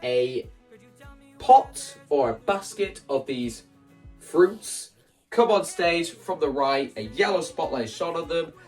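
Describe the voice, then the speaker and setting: Speaking slowly in a fairly high, animated, slightly mellow voice, a male video creator rambles enthusiastically through a casual vlog about staging a musical. He interrupts himself often and acts out quoted lines. The recording is rough and far from the mic, with faint music behind him.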